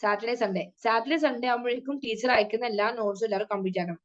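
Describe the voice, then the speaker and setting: A woman's voice: on the high side, rapid-fire, lo-fi sound. A woman tajweed teacher giving an online class to children, patiently sounding out syllables one at a time.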